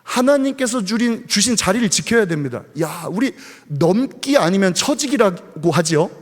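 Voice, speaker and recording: A man preaching a sermon to a youth congregation, firing emphatic rhetorical questions and dropping into quieter asides. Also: high-pitched, expressive, moderate pace. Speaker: pastor. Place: church sanctuary. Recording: long church hall reverb.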